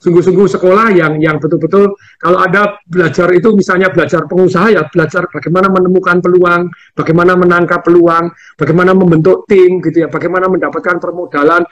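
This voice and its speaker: A man, speaking quickly and emphatically in casual conversation and laughing often as he talks. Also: high-pitched, level tone, fairly bright tone, muffled recording. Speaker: financial seminar speaker.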